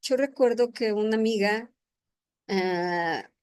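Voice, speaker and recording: A woman's voice: mid-range voice, slow pace, darkish tone, clear, resonant tone. A woman church leader giving an earnest, sermon-style testimony talk into a microphone at an indoor gathering, often tagging her sentences with questions.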